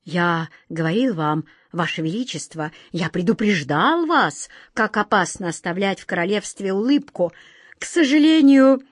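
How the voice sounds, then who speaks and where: A woman doing a timid hushed courtier. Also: medium pitch, lively intonation, moderate pace, no room sound, studio quality, close to an everyday voice. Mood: anxious. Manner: hushed, apologetic. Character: pale, timid male courtier, smile collector.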